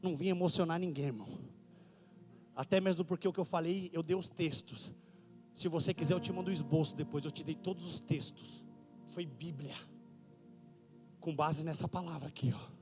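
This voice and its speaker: A man with a Brazilian Portuguese accent preaching fervently at a church service, shouting and chanting repeated phrases. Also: fairly high pitch, normal speed, pauses often, faint music behind. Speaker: pastor.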